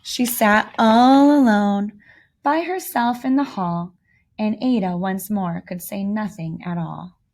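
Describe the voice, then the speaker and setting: A woman with a mid-range, slightly mellow voice reads slowly from a children's picture book. Her expressive storytelling uses theatrical emphasis and small asides to young listeners.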